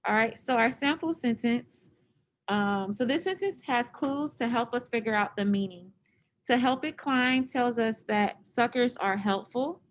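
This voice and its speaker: A woman's voice: a little high, measured pace, slight background noise. A woman teacher leading an online class, patiently explaining step by step over a computer microphone.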